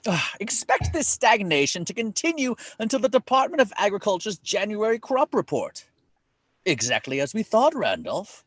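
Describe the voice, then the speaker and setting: A man's voice: high voice, sing-song, normal speed, no echo. A man playing a greedy elderly tycoon, curt and irritable, in a comedy script reading. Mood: pompous. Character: grumpy, greedy elderly male tycoon brother.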